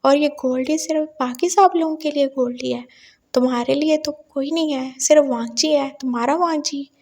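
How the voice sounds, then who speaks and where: A woman's voice: high voice, steady tone, moderate pace, darkish tone. Woman voicing a flustered young man.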